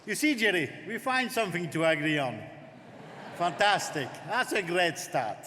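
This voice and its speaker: A man's voice: high voice, normal speed. French-accented man at a conference lectern. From France. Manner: lively, jokey, emphatic. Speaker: conference speaker, politician. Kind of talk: political conference speech. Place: large conference hall. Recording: reverberant hall, faint noise.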